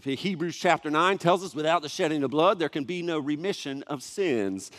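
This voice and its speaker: A man in his thirties preaching a sermon, telling a family story in a relaxed, conversational way with asides to the congregation. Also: a little high, moderate pace. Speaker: pastor. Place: church sanctuary. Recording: long church hall reverb.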